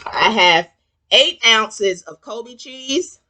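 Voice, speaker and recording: A woman in her sixties with a Southern US accent, hosting a casual cooking demonstration in her home kitchen and chatting warmly and folksily with viewers. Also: on the high side, expressive, takes it slowly. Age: 60s. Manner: chatty and folksy, calls viewers honey and child. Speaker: cooking show host.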